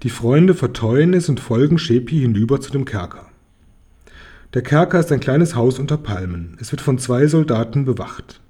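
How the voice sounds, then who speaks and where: Man reading a kids book out loud, husky dark voice, calm. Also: medium pitch, normal speed. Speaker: reader. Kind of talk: reading a children's book aloud.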